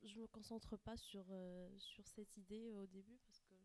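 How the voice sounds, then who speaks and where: A young woman from Tunisia, a student answering interview questions. Her voice is mellow and even, and she hesitates often with fillers. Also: medium pitch, moderate pace, no room sound. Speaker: student guest.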